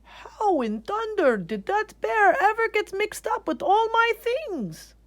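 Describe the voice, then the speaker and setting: A woman voicing a kindly, curious young male artist in a storybook, musing aloud in an animated way. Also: very high-pitched, takes it slowly, pitched above the performer's own voice, heavily acted. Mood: baffled.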